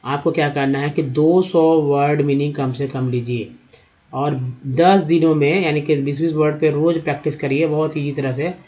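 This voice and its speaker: The audio is lo-fi, and the man's voice is fairly high yet dark in tone, steady and moderately paced. Standing at a board, he teaches English word reading, patiently raising and answering his own questions about each vowel sound while calling viewers his friends.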